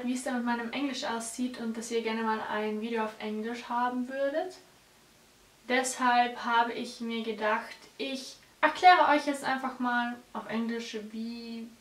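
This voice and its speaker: A teenage vlogger and exchange student from South Tyrol, Italy, chats casually with her viewers in a fairly high, fairly bright voice. She is a native German speaker with a South Tyrolean accent, recorded on a distant mic with roomy echo and background music.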